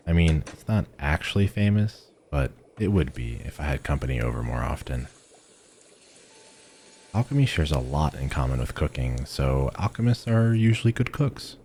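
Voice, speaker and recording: In a fantasy audio roleplay, a man plays a friendly, eccentric village alchemist who runs a shop, chatting eagerly to the listener with musing hums in an inviting mood. His voice is very deep and a little mellow, with slight background noise.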